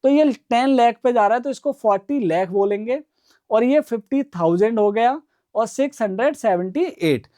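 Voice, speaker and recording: A woman with a fairly high voice teaches a school maths lesson in a dry, close-sounding recording. She works through each number slowly and repeats it aloud. She keeps checking that her pupils follow with short asides. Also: lively intonation, mellow, no echo. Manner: slow, step-by-step explaining with frequent "है ना" and "ठीक है" check-ins. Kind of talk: online classroom lesson.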